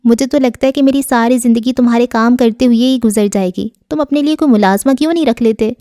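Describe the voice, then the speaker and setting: A woman reading the part of an exasperated, sharp-tongued young woman who scolds in a raised voice. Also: no echo, clean studio sound, close to an everyday voice. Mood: annoyed, scolding. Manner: indignant, higher and louder than her narration. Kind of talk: audiobook character reading.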